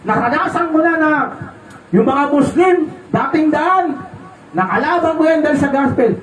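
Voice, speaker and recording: A Filipino preacher delivering an animated sermon, moving from quiet storytelling to loud exclamations. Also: male voice, very high voice, normal speed, crowd noise. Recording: echoey room, mic from a distance.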